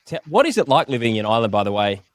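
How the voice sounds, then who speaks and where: A man's voice: mid-range voice, big pitch swings, very fast. Upbeat male podcast host. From Tasmania. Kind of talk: podcast interview.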